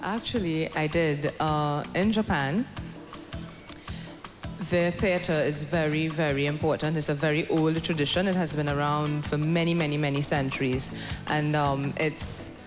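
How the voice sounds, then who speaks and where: A young woman with a Trinidadian accent giving a poised, measured pageant answer in an on-stage interview. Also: deep voice, fairly even intonation, long reverb tail. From Trinidad and Tobago. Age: young adult. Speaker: pageant contestant. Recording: music behind the voice.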